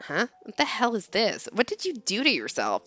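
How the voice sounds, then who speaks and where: A woman voicing a blunt, exasperated high-school boy who flatly brushes someone off, reading game text aloud. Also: moderate pace, no room sound, faint music behind. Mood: baffled, dismissive. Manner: flat, dismissive, blunt.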